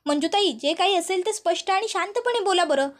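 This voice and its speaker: A woman voicing a calm, reasonable elder sister-in-law who tries to settle a quarrel. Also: extremely high pitch, a little fast.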